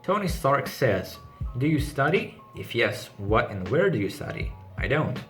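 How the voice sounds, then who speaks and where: A mid-range, sing-song voice, a bit bright and a little slow, comes from a car channel host from Greece. He reads out questions and gives short, matter-of-fact answers in a Greek accent, with music playing behind him in this casual vlog.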